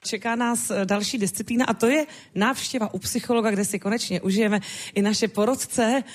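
A woman's voice: a little high, steady tone, a faint crowd. A woman co-hosting a live comedy show, explaining and praising the improvisation. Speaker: co-host.

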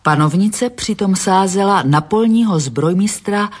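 A woman's voice: mid-range voice, husky. A woman reading historical documentary narration in a plain, formal manner.

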